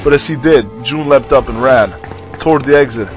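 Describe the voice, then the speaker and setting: A man's voice: mid-range voice, a little fast, soft background music, low-quality recording. A young man playing through a video game, reading its text aloud with crude joking asides. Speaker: let's player.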